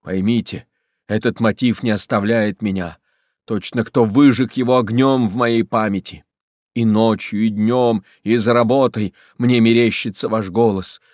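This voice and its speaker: An obsessive man in the grip of passion speaks low and slow, menacing and anguished by turns, as a male reader brings him to life. The storybook voice sounds dry and close, with middling pitch. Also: dry recording, natural voice.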